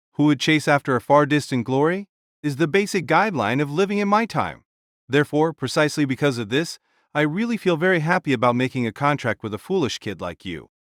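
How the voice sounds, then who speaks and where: A man's voice: on the high side, dry recording, studio quality. A man playing a huge, boisterous warrior king spirit in an audio drama, speaking in a bold, jovial, boastful way. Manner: hearty, bold, grandiose. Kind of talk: dramatised audio story dialogue.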